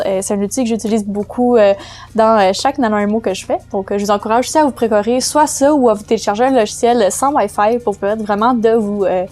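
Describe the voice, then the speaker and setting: A woman's voice: on the high side, darkish tone. A woman with a Quebec French accent, chatting casually as she explains her writing tools in a vlog, loose and full of hesitations. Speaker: vlogger giving writing tips.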